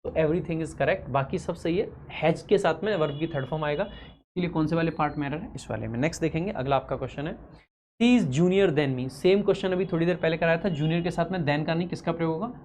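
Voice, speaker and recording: A male teacher running an exam-prep grammar class. He explains at a brisk clip, then slows right down to read each example sentence with deliberate emphasis. He keeps asking questions and answering them himself, talking to students familiarly. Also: on the high side, a little mellow, slight background noise. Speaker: English teacher.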